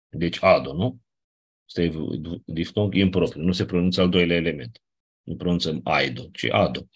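A man's voice: low voice, pauses often, slightly rough. A man teaching a class, reviewing grammar step by step and often checking in with his students. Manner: patient, checks in with "nu?" and "da?". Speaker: teacher of Ancient Greek.

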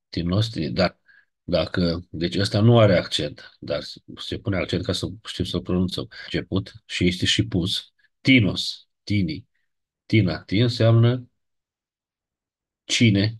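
Man, teacher, very low voice, husky, patient, recites word forms, grammar lesson. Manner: checks understanding with short tag questions. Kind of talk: ancient Greek grammar lesson.

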